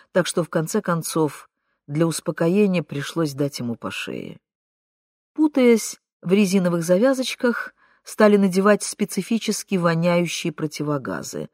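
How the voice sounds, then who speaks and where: Woman audiobook narrator, lively ironic reading, very dry close sound. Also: lowish voice, dry recording. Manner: expressive, ironic storytelling. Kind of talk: first-person literary narration.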